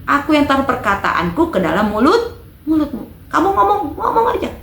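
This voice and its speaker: A woman voicing God as a calm, firm and encouraging presence. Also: sits high, a little fast, voice pushed up, full character voice. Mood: reassuring. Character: God, calm reassuring divine voice. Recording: echoey room.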